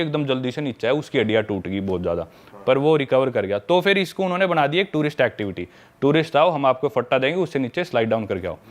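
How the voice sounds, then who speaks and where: Man, mid-pitched voice, casual storytelling, chatty, mixes in English words. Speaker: podcast guest telling a travel story.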